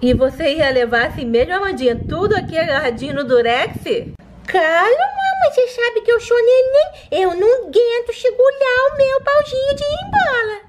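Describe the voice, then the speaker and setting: In a homemade toy play video, a Brazilian woman voices a very high, squeaky baby-girl doll with a babyish Brazilian Portuguese lilt. The doll is sassy, teasing, jealous and cheeky, very animated at a moderate pace, with slight background noise.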